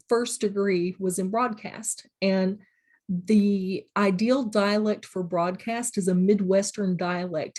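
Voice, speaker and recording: A woman's voice: mid-range voice, a little mellow. A middle-aged woman, a college instructor, giving a recorded lecture in a plain, practical way, with examples from her own classroom.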